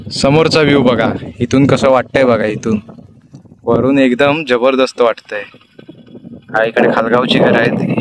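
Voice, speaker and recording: A young man talks casually into his phone camera while standing outdoors on a village hill. He points out the view to his viewers and calls out to animals and children along the way. His pitch sits in the ordinary middle range for a man. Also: a little hiss or hum. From Konkan, India. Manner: chatty, explains the view, calls out to animals and kids. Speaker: village vlogger. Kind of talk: casual vlog talk to viewers. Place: outdoors on a village hilltop at evening. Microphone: phone camera held while filming.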